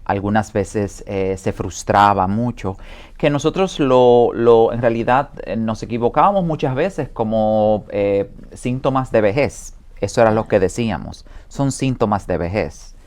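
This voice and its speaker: A man's voice: fairly low pitch, lively intonation, unhurried, darkish tone. A man in his forties from the Dominican Republic, a guest in an interview, speaking hesitantly with many fillers as he remembers. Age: 40s. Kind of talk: interview testimony.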